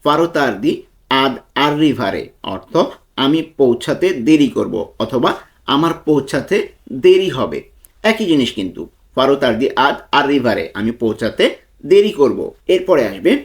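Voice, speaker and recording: A man from Bangladesh teaches a language lesson at a very slow, deliberate pace. He breaks each phrase into single words, repeats them, and checks back with the listener, in a medium-pitched voice. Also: very animated. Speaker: language tutor.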